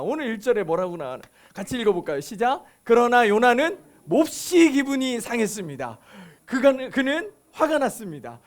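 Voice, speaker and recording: A pastor with a very high voice for a man delivers a sermon. He makes his points emphatically, repeating lines and posing rhetorical questions to the congregation.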